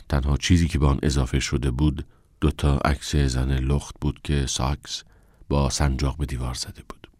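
Deep male audiobook narrator, measured reading, dry close sound. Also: darkish tone, dry recording.

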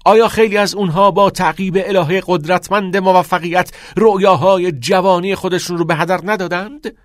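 A man's voice: high-pitched, fairly even intonation, no echo, clean studio sound, pitched above the performer's own voice, close to an everyday voice. A man voicing a passionate middle-aged male teacher who urges and exclaims like a preacher. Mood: urging, loud.

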